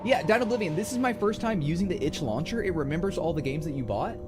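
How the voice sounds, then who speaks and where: A man's voice: on the high side, expressive, fast talker. A young man streaming a game, chatting playfully with his viewers. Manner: playful, chatty, addresses chat. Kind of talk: casual live-stream commentary.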